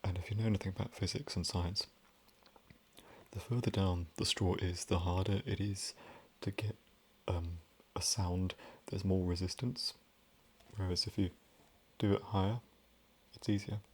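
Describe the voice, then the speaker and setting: A man in soft-spoken, whispered role-play, rambling gently and drifting between a whisper and a low voice. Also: steady tone, moderate pace, breathy edge. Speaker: ASMR creator.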